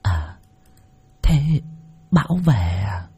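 A man voicing a frail, half-deaf old village woman who speaks softly and haltingly. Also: a little high, sing-song, pitched above the performer's own voice, exaggerated voice. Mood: puzzled, frail. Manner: soft, faltering, breathy murmur.

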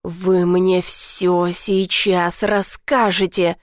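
A woman doing a slow, menacing brutal father. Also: high voice, level tone, no echo, clean studio sound, voice pushed down. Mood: furious. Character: brutal, furious father, grown man.

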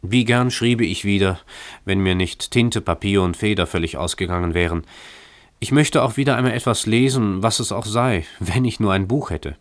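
A jovial young husband bubbling over with high spirits, his deep voice pushed a little upward into mock-grand declaiming, as a male reader voices him in a radio story. The sound is close and dry. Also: moderate pace, no echo, close to an everyday voice. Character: cheerful, playful young husband in poverty.

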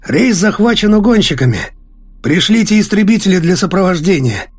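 A flustered, grumbling mustached airline captain exclaims in a raised, strained voice, as a man puts him on. His pitch leaps around restlessly and the tone is a little husky. He sounds permanently put-upon. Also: big pitch swings, moderate pace, a little mellow, faint music behind, exaggerated voice. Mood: protesting.

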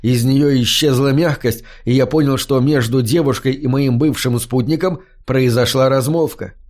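A man reading a first-person fantasy audiobook in an even, measured way. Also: medium pitch. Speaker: audiobook narrator. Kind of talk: scripted storybook narration.

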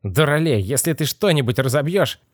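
A man voicing an older, irritable and puffing male gang leader in an audiobook, gruff and bossy. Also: mid-range voice, expressive, brisk, no room sound, studio quality, voice pushed up, close to an everyday voice. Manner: gruff, bossy, easily annoyed. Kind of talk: audiobook character voice.

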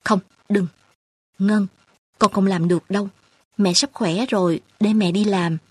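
A sick middle-aged mother speaks in a husky, anxious voice, as a female narrator puts her on. She is worried and protective. The storybook reading is close and dry. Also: medium pitch, fairly even intonation, measured pace, dry recording.

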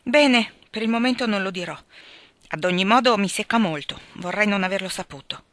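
A woman reading aloud, voicing a spirited, quick-tempered tomboyish teenage girl who bursts out indignantly. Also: mid-range voice, a bit bright, dry recording, lightly acted.

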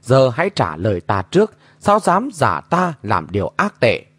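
A man voicing a mysterious shape-shifting mimic who taunts in a shrill, mocking voice. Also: wildly swooping pitch, moderate pace, fairly bright tone, dry recording. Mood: mocking taunting.

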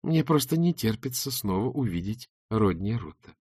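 A man's voice: on the low side, big pitch swings, normal speed, darkish tone, husky, no echo, clean studio sound. A man voicing a young woman singer who speaks sweetly with a bitter edge. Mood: cool.

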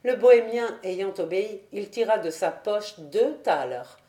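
Mellow woman reading a story aloud. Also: mid-range voice. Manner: measured, steady storytelling. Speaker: audiobook reader. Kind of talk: audiobook narration. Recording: echoey room.

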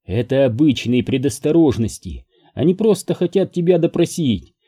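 Storybook heroine, anxious and pleading, put on by a husky male reader. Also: medium pitch, sing-song, normal speed, warm tone. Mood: apologetic. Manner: pleading, soothing. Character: young woman agent, anxious and pleading.

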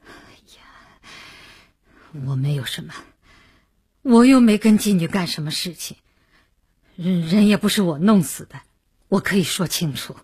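A woman voicing an anxious, flustered middle-aged male official with a breathy, husky voice, often dropping to a hushed whisper. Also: deep voice, moderate pace, pitched below the performer's own voice. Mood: defensive.

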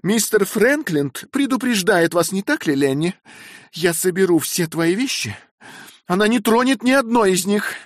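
A man's voice: mid-range voice, sing-song, moderate pace, dry recording, clean studio sound, voice pushed up. A man voicing a fiery, imperious young wife. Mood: furious. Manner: sharp, imperious scolding.

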